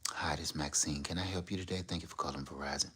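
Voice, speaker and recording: A man voicing a sultry woman phone operator in a hushed, breathy voice. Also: extremely low pitch, fairly even intonation, fast talker, voice pushed down, heavily acted.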